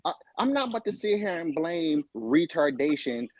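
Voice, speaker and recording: Man, podcast co-host, husky, emphatic and halting, dry close mic. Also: on the high side, sing-song, a little mellow, dry recording, highs cut off. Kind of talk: casual group debate.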